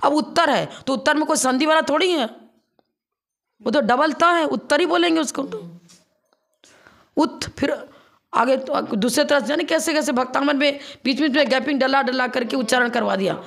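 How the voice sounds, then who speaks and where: A woman's voice: sits high, creaky, a bit bright. A woman, a nun, giving a religious discourse and explaining step by step how to recite verses. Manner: explains step by step, acts out chanting slowly. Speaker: Jain nun teacher.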